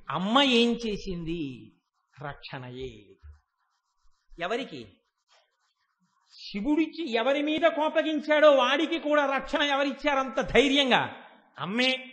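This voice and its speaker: A man delivering a devotional discourse, retelling a sacred story and turning often to his listeners with rhetorical questions. His voice is very high and bright, with a forceful, dramatic delivery. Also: moderate pace. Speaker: religious discourse speaker.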